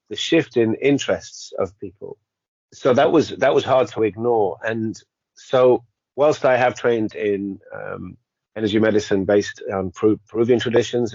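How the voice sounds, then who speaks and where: An older man speaking as an interview guest, reflective and hesitant, often pausing with ums and restarting his sentences. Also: fairly low pitch, darkish tone, no room sound. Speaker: podcast guest, energy healer. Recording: dry, slightly dull audio.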